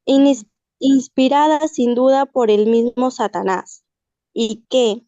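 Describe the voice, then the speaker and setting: A woman student reading a literary text aloud in class, halting and restarting on hard words. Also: a little high, dark tone, no room sound, lo-fi sound. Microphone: video call.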